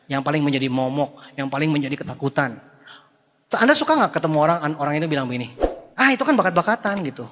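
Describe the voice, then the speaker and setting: A man giving a jokey, animated motivational seminar talk, swinging between loud bursts and low murmurs. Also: fast, dull audio. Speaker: motivational speaker. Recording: long hall reverb.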